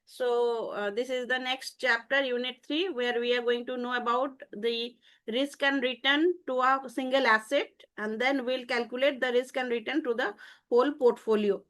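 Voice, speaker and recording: A woman teaching an online class, explaining patiently with many hesitant pauses over a call headset. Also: on the high side, fairly even intonation, fairly bright tone. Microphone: earphone mic on a video call.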